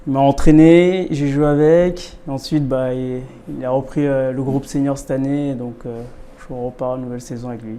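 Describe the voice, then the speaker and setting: A man's voice: medium pitch, fairly even intonation, moderate pace, few pauses, warm tone. A young man in his twenties, a rugby player, talking casually as a radio guest and using lots of filler words. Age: 20s. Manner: casual, filler-heavy speech.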